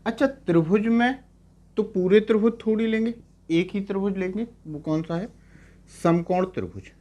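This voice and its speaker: A young man teaching math in a lecture, explaining step by step and often asking "clear?" to check. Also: high voice, moderate pace, mellow, dull audio. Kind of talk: classroom lecture on trigonometry.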